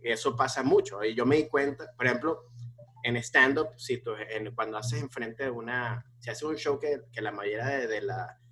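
A man's voice: mid-range voice, moderate pace, slight background noise. A man, a stand-up comedian, talking casually with lots of restarts and fillers. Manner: animated, many restarts and fillers. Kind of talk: casual conversation.

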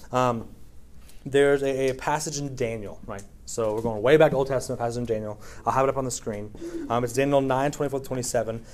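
A man's voice: mid-range voice, fairly even intonation, fast talker. A man preaching in a casual, conversational way, reading scripture aloud and often checking in with his listeners. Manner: casual, keeps checking in with "right?"; frequent fillers, reads scripture aloud. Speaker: preacher teaching a Bible study. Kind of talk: conversational sermon.

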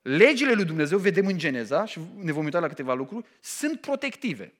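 A middle-aged pastor preaches with emphasis and animation, often stopping to ask his listeners questions. His voice is on the high side.

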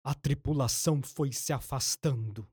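A man's voice: mid-range voice, moderate pace, darkish tone, husky, no echo, studio quality, close to an everyday voice. A man narrating a scripted radio drama as its storyteller.

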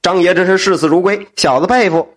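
A man voicing a sly, fawning ghost servant with a husky voice. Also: sits high, fairly quick. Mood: cheeky. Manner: cheeky, fawning.

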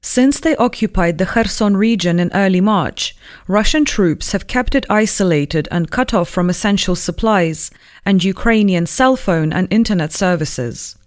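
A woman presenting a radio program, reading scripted news narration in a measured, formal way. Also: mid-range voice.

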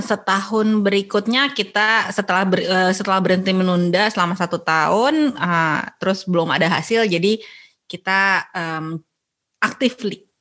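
A woman guest on a podcast, talking in a chatty, relaxed way with many fillers. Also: mid-range voice. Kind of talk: casual conversation.

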